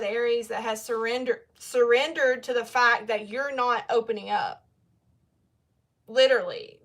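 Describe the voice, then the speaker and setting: A young woman giving a casual tarot reading, chatty and blunt, talking straight to her viewers. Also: on the high side. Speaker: tarot reader.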